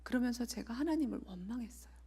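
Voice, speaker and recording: A woman's voice: fairly high pitch, animated, fast talker, mellow, husky. A woman in her forties, an evangelist, preaching and sharing a personal testimony in an earnest way, often sinking to a near whisper.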